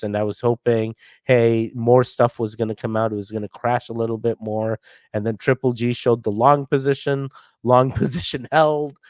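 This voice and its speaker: Through a headset mic, a congested crypto streamer chats about price charts, addressing viewers and chat directly in a casual way. He has a mid-range, slightly mellow voice, recorded at studio quality with no echo.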